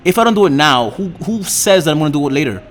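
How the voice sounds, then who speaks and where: A man's voice: fairly high pitch, sing-song, fast, slight background noise. A man in his twenties speaking earnestly and agreeably as a guest on a podcast. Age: 20s. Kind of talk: casual conversation.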